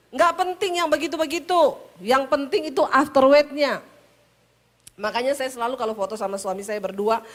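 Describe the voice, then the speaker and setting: A woman preacher from Sulawesi with a Sulawesi Indonesian accent, telling teasing, humorous stories in a lively sermon. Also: a little high.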